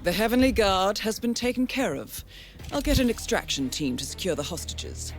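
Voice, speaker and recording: A woman with a British accent voicing a calm, businesslike female mission handler in scripted game dialogue, measured and crisp. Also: medium pitch, faint music behind, lightly acted. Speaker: mission briefer in a video game.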